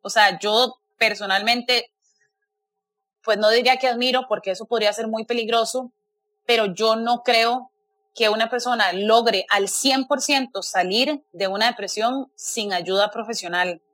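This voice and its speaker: Woman chatting, earnest, keeps saying verdad, bright voice, dry close sound. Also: a little high, steady tone, unhurried, dry recording. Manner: earnest, tagging sentences with "¿verdad?" and "o sea". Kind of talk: casual conversation.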